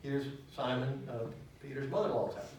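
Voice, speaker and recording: A man leading a church Bible study, animated and asking his listeners questions as he teaches. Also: medium pitch, normal speed, slight background noise. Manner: animated, asks questions of the class. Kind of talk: teaching sermon. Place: church hall. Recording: echoey hall, mic at a distance.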